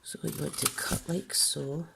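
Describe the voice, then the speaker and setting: With vocal fry and a voice that sits low, a British woman speaks a little slowly in a steady tone against a noisy background. In this casual craft tutorial she demonstrates papercraft while congested and coughing, chatting and pausing to self-correct and explain.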